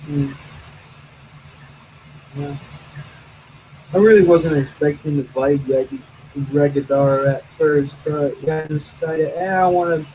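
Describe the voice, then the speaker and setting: A man's voice: fairly high pitch, fairly even intonation, takes it slowly, long pauses, mellow, slight background noise, low-quality recording. A young man hosting a casual voice-call chat, rambling with lots of fillers. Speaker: host.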